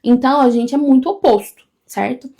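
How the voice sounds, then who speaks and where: A woman, co-hosting a casual live stream from home, talking loudly and expressively. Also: high voice. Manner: loud, expressive and fast-flowing.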